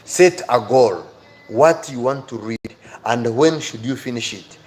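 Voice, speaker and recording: A man with an African accent teaches a live motivational lesson to his viewers, speaking earnestly and emphatically and repeating his key phrases. His voice is medium in pitch and unhurried.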